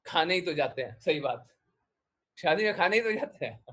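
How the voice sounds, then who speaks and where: A man's voice: fairly high pitch, animated, moderate pace, fairly bright tone. A man giving a devotional discourse, exhorting his listeners with repeated short commands and questions. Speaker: spiritual teacher.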